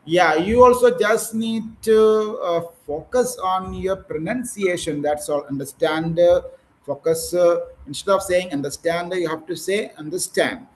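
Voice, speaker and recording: A man's voice: sits high, unhurried, few pauses, low-quality recording. A man with an Indian English accent running an online spoken English session for teachers, asking questions and coaching in an encouraging way. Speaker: English speaking trainer. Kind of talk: online speaking practice session.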